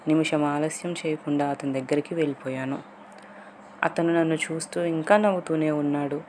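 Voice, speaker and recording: A woman narrating a first-person love story in a calm, measured storytelling voice. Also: low voice, slight background noise.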